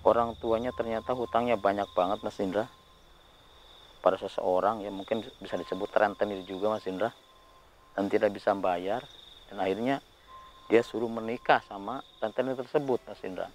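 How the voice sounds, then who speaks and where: A lowish male voice speaks in a hushed, half-whispered tone, often murmuring short prayers between his sentences. He talks to a companion while walking outdoors at night near a ravine. Faint insect noise hums behind him. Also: steady tone, moderate pace. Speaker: ghost-hunting vlogger. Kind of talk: hushed on-the-spot narration.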